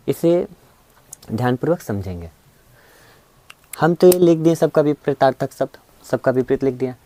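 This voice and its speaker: With a warm, medium-pitched voice and no room sound, a man runs a reasoning class for students present and watching online. He coaxes them through the lecture, checking in repeatedly with "है ना" and "ठीक है".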